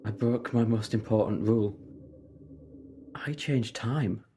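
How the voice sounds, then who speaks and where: A man acting a brooding, self-reproachful time-travelling Doctor in an audio drama, with deliberate, halting, theatrical phrasing. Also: fairly low pitch, dark tone, a little hiss or hum. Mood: grave, regretful.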